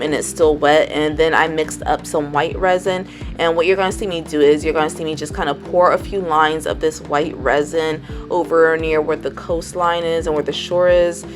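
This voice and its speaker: A woman narrates a crafting tutorial in a relaxed, rambling voice-over, filling gaps with "um" and "like." Her voice sits on the lower side. Soft music plays faintly behind her. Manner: chatty and rambling, heavy on fillers like "um" and "and everything".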